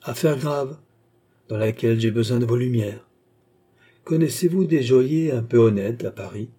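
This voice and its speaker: A man's voice: medium pitch, moderate pace, mellow, breathy edge, natural voice. A man voicing a haughty, scheming male ambassador in a classic French audiobook, with an imperious, curt manner.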